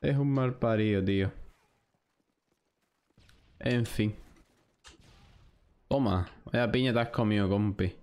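Young man, Spanish accent, fairly low voice, frustrated live gameplay commentary, cursing at rivals. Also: takes it slowly, long pauses, darkish tone, smooth. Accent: Spain Spanish. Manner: frustrated, swearing, talking to himself and chat. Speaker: gaming streamer.

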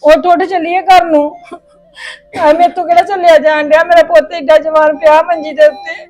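A grieving middle-aged mother, acted by a woman, hushes and soothes through her own tears. Her voice sits very high and stays soft and tearful. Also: level tone, moderate pace. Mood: tearful hushing. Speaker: mother of the injured man. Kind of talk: amateur family drama acting.

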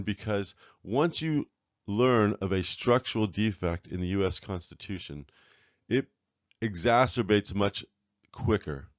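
A man narrating a slide-show lecture as the author of a book, speaking in a measured, earnest way with occasional fillers and restarts. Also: low voice, darkish tone, dry recording, lo-fi sound. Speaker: author presenting his book.

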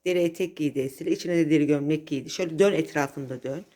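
A woman's voice: low-pitched, very fast, dark tone. A woman in her thirties, a mother and family vlogger, chatting in a coaxing way to her child and her viewers. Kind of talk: family vlog chat.

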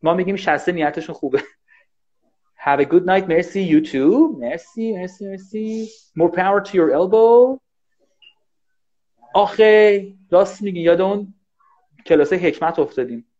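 Fast-talking male teacher on a dull livestream. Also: high voice. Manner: fast, animated, thanks commenters often. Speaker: English teacher. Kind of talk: live online class, casual teaching chat.

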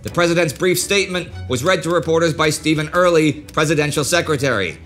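A man in his thirties hosting a history documentary, reading a script in a measured storytelling manner with direct asides. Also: on the high side, fairly bright tone, soft background music. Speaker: host. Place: indoor studio set with a desk.

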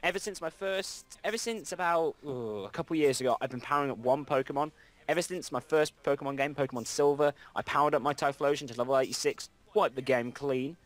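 A man's voice: medium pitch, fairly bright tone. A young man hosting a let's play, chatting casually and rambling with frequent restarts. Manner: rambling, self-correcting, reads game dialogue aloud. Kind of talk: casual gameplay chat.

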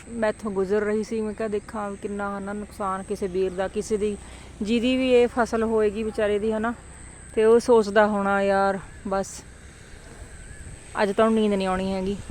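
A woman chatting casually for a village vlog outdoors, animated and given to exclaiming and playful calling out. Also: medium pitch, a little hiss or hum. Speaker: village vlogger.

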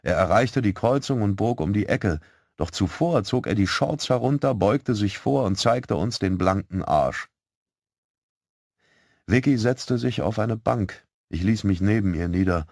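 A man narrating an audiobook in the first person, calm and measured. His voice sits low, and the recording is dry and close with no room sound. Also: no room sound.

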